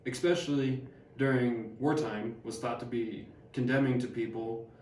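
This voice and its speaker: A man's voice: medium pitch, fairly even intonation, normal speed, a little mellow, a little hiss or hum, natural voice. A young man playing Harriet Martineau, a learned older woman, reading lines plainly with small stumbles. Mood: measured. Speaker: student actor. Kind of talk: amateur class skit read from script. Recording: echoey room, distant mic.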